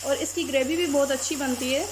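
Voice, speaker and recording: A woman calmly explaining a recipe step by step as a cooking channel host. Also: sits high, fairly quick, noisy background. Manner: calm, plain, methodical. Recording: loud frying sizzle behind voice.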